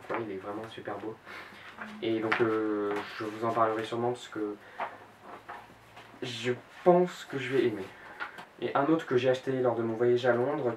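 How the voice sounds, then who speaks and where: A young man in his late teens talks through his reading plans in a casual home vlog, pausing often on fillers and correcting himself. His middle-pitched voice sits back from the mic in an echoing room, with a faint hiss underneath. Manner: hesitant, frequent fillers and self-corrections. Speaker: book blogger. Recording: roomy echo, mic at a distance, faint background hiss.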